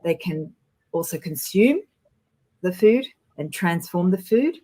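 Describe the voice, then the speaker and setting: A woman's voice: lowish voice, unhurried. Earnest woman telling spiritual stories. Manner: earnest, animated storytelling. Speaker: guest intuitive. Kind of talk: casual spiritual chat.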